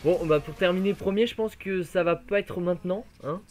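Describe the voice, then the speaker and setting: A man giving jokey, excitable play-by-play of a racing game, his voice worn from being ill. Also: high-pitched, fairly quick. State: voice worn from illness. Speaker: gaming YouTuber.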